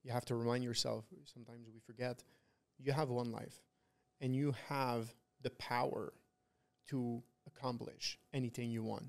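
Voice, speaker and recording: Creaky-voiced frat-bro man giving emphatic pep talk. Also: medium pitch, little pitch movement, moderate pace. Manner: frat-bro talk, peppered with bro, dude and swearing. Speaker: podcast guest, trader who runs a trading community. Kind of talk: casual motivational podcast talk.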